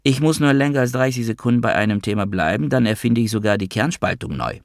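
A man's voice: medium pitch, animated, fast, vocal fry, no room sound, studio quality, voice pushed up. A man reading an audiobook, voicing a teasing, sarcastic male friend on the phone. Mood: mocking. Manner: sarcastic, needling.

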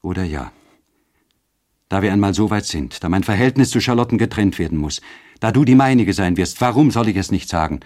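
A man's voice: on the low side, expressive, a little fast, darkish tone, natural voice. A man voicing a passionate married nobleman who pleads his forbidden love in a storybook reading. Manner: impassioned, pleading.

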